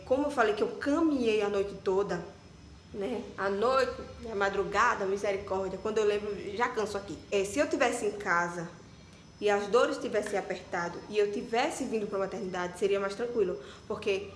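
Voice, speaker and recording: A chatty Brazilian woman, a vlogger with a mid-range voice, tells a casual personal story in an echoey room. She's animated and leans on fillers like "tipo" and "né," and there's faint ambience plus slight background noise.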